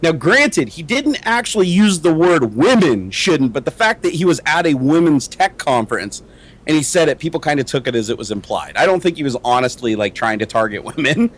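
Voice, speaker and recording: A man's voice: sing-song, brisk. Guy co-hosting a tech chat, joking and swearing, mic clipping and distorting the whole time. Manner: loose, joking, swears casually. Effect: clipping, distorted mic from gain set too high. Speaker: co-host. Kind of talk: casual tech podcast chat.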